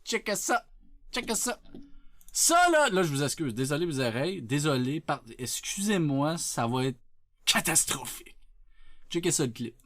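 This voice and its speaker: A man from Quebec with a Québécois French accent, chatting loudly and jokingly with viewers on a live stream, laughing often. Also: fairly high pitch, lively intonation, moderate pace, no room sound. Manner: loud, jokey, laughs often. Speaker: Twitch streamer. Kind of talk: casual live-stream chat. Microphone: sensitive desk mic.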